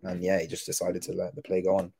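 A man's voice: sits low, monotone, fast talker, gravelly, warm tone, husky. A man co-hosting a football podcast, going over a match in casual chat, rambling with many fillers.

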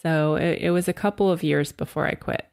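Lady from south jersey, lowish voice, rambly chatty, laughs a lot. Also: steady tone, brisk, vocal fry, a little mellow. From South New Jersey, US. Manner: chatty, laughs often, many fillers. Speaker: design blog founder, podcast co-host. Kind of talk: casual interview chat.

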